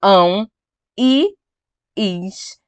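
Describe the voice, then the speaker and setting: A middle-aged Brazilian woman teaching Portuguese grammar over slides, checking in often with her viewers and drawing out key words slowly for emphasis. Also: mid-range voice, clean tone, no echo. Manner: chatty, checks in with "tá?" and "ok?".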